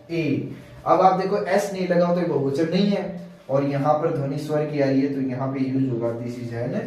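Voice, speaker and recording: A man's voice: mid-range voice, a little mellow. A man teaching an English grammar lesson, explaining step by step and repeating the key words. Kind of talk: classroom-style grammar lesson. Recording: echoey room, distant mic, faint noise.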